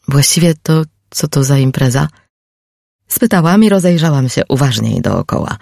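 A woman reading a first-person novel aloud as audiobook narrator, calm and even. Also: low-pitched, gravelly, no room sound, studio quality.

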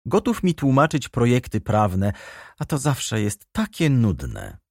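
A man reading the part of an ironic, haughty baroness in an audiobook, raised in pitch and teasing. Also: wildly swooping pitch, takes it slowly, darkish tone, dry recording, studio quality, exaggerated voice. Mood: mocking. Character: ironic aristocratic baroness, adult woman, haughty.

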